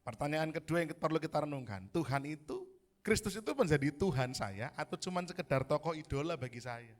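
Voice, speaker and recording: Animated Javanese-accented male preacher. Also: fairly high pitch, fairly quick. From Central Java, Indonesia. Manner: animated storytelling, acts out voices, mixes in Javanese. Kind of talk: sermon. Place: church service in a hotel hall.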